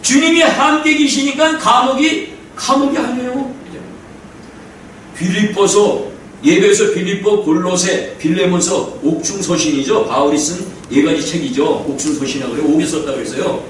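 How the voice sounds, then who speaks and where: A man preaching a sermon in an animated way, acting out voices and breaking into hymn singing. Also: sits high, moderate pace, slight background noise. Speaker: pastor. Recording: echoey room from far off, faint ambience.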